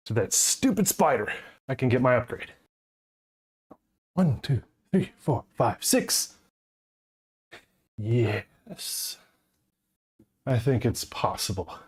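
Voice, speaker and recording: A man's voice: medium pitch, breathy edge. A man streaming a solo board game, out of breath, thinking aloud and muttering the rules to himself. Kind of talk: thinking aloud while playing.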